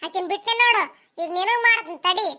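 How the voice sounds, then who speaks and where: A woman voicing a sharp-tongued village wife in a cartoon, with a North Karnataka Kannada accent. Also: very high-pitched, quick pace. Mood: furious. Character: fiery village wife faking her death.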